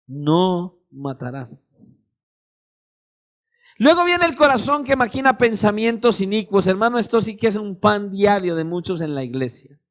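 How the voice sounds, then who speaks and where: A man preaching a sermon as pastor, emphatic and speaking straight to his listeners. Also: very high voice. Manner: emphatic, addresses listeners directly, acts out little dialogues.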